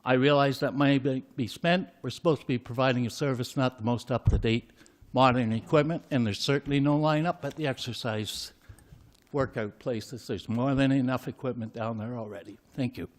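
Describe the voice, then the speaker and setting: A man's voice: mid-range voice, brisk. Indignant older man at a council meeting. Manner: indignant, emphatic questioning. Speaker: citizen speaking at council meeting. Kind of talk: public comment at town meeting. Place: council chamber.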